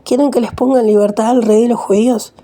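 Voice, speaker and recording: Stern male governor, questioning; woman reader voices him with a dark husky tone. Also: fairly high pitch, fairly even intonation, quick pace, close to an everyday voice. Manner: read plainly in the reader's own voice.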